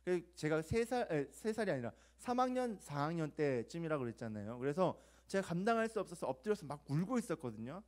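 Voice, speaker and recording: A young man gives a youth sermon in a chatty, confessional tone, leaning on rhetorical questions. His voice sits a little high for a man, and he acts out the voices in his stories with sudden loud bursts. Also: very animated, quick pace, hardly any pauses. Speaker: youth pastor. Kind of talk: sermon to teenagers.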